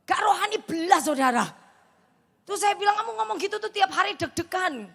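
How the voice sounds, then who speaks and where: A middle-aged woman preacher, delivering a sermon with animated storytelling and acted-out dialogue. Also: very high-pitched, a little fast, vocal fry. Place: large church hall. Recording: long hall reverb.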